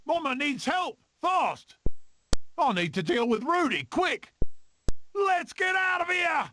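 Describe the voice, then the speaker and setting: A man voicing an eccentric swashbuckling weasel adventurer in a cartoon game, with a gravelly voice and theatrical, manic delivery. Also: very high voice, big pitch swings, slow, background noise, heavily acted. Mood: alarmed.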